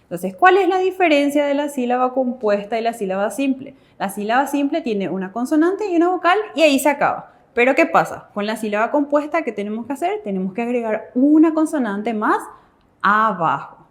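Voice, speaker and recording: A woman's voice: high voice, expressive, a little fast. Woman explaining rules step by step. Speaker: language teacher answering questions. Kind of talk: classroom explanation.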